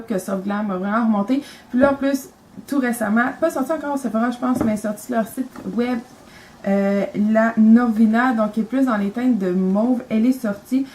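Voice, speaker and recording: Chatty young Québécoise beauty vlogger. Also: female voice, fairly high pitch, a little mellow, a little hiss or hum, low-quality recording. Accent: Quebec French. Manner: chatty, rambling, enthusiastic with many fillers. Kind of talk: casual makeup vlog.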